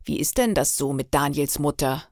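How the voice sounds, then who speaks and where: A woman's voice: low-pitched, lively intonation, normal speed, a little mellow, dry recording, studio quality. A woman voicing a snide, gossiping thirteen-year-old girl in an audiobook reading, with a mocking, sly manner.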